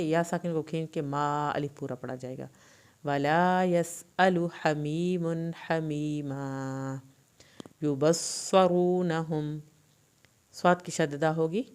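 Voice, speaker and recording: A woman with a low, smooth voice and a Pakistani Urdu accent teaches tajweed. She chants each verse in long, stretched syllables, then switches to brisk explanation of the pronunciation rules. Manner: recites verses slowly and drawn out, then explains rules quickly. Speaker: Quran recitation teacher.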